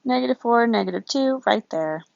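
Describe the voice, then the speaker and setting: A woman's voice: on the high side, animated, a little fast, gravelly, darkish tone, no echo, muffled recording. A woman teaching a recorded geometry lesson, working problems aloud, counting grid squares and correcting herself as she goes. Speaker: math teacher.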